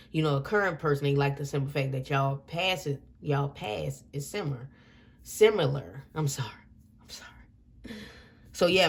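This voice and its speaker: A woman's voice: extremely low pitch, vocal fry. A woman giving a casual tarot reading to her viewers, rambling a little and repeating and correcting herself as she goes. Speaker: tarot reader.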